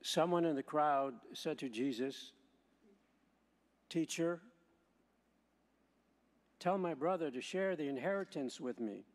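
A man, a priest, reading the gospel and preaching in a measured way, slowing to stress key words, with a long church echo around his voice. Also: a little high. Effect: long church hall echo. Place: large church. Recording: long reverb of a large church.

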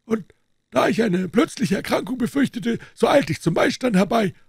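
A man voicing an old male doctor who speaks in a calm, persuasive, clinical way. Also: high-pitched, normal speed, creaky, husky, no echo, clean studio sound, voice pushed up, exaggerated voice.

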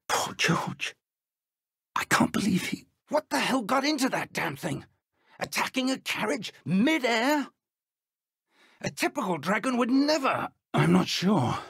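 An old British wizard professor from a fantasy video game. His voice is husky and gravelly, recorded close and dry. He speaks as a protective mentor, courteous and earnest, in measured, formal phrases. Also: high-pitched, no room sound, exaggerated voice. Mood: concerned, startled, then grave, wondering. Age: older. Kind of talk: scripted video game dialogue.

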